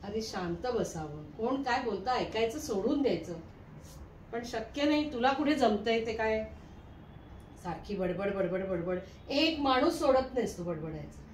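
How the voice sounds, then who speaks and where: A woman's voice: on the high side, animated, moderate pace. An older woman in a comic sketch, nagging and scolding her husband at length. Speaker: wife. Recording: echoey room, mic from a distance, faint noise.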